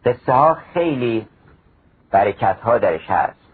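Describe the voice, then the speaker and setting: A man's voice: mid-range voice, animated, noisy background. A man giving a storytelling talk on mystical wisdom, reciting classical verse in a chanting cadence. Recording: phone-like narrow radio recording.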